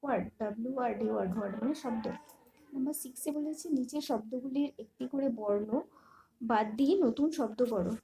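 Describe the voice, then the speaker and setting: A woman teaching a primary English lesson, spelling each word letter by letter and giving its meaning in a slow, deliberate way. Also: a little high, gravelly, warm tone, poor audio. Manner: spells words letter by letter, then gives meanings. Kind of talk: reading out an English workbook lesson.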